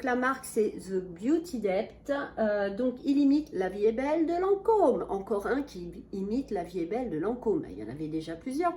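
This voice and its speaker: A woman's voice: fairly high pitch, darkish tone, slight background noise. A woman chatting casually to her viewers in a product review vlog, enthusiastic and full of fillers and restarts, seated at a small table. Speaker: beauty vlogger. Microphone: camera mic at a small table.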